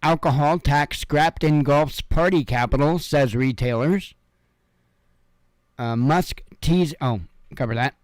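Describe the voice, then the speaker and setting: This is a news commentary host from Illinois, USA, reading headlines in a relaxed way from a room at home and wandering into offhand tangents full of filler words. He speaks slowly in a smooth, slightly high voice, with no room sound in the recording.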